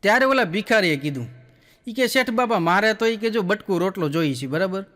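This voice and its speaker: A man's voice: high voice, animated, fairly quick, a bit bright, in a large hall. A man with a Kathiawadi Gujarati accent telling jokes on stage as a folksy storyteller, acting out the people in his stories. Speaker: comedian. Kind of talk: stand-up joke telling.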